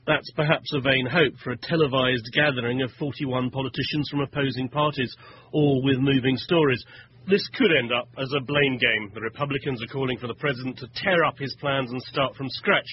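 A man's voice: medium pitch, fairly even intonation, fairly quick, lo-fi sound, slight background noise. A man delivering a scripted political news report as a correspondent.

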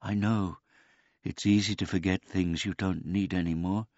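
A man's voice: sits low, fairly even intonation, normal speed, a little mellow, dry recording, highs cut off, voice pushed up. Man doing a meek, simple old man. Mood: earnest. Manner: talks of himself in the third person, meek and courteous.

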